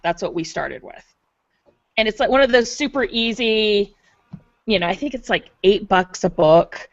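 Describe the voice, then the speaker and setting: A woman chatting casually on a homeschool panel in a relaxed, conversational way, asking questions. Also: mid-range voice, gravelly, no echo. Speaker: homeschooling parent, panel host. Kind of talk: casual online panel chat. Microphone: video call. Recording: dry, dull video call audio.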